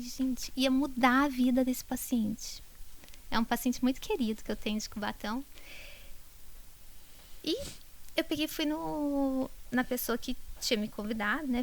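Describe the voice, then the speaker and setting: A middle-aged woman, a doctor, telling emotional stories in a podcast interview, her voice sometimes dropping to a whisper. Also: fairly high pitch. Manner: emotional, animated storytelling that drops to a whisper. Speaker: doctor treating multiple sclerosis patients.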